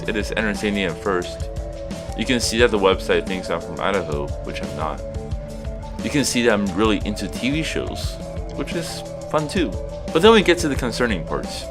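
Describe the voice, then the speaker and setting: A young man from Seattle whose first language is Chinese, reading a scripted video essay in a steady, explanatory way. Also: low-pitched. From Seattle, USA. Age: young adult. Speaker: student narrator. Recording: music behind voice.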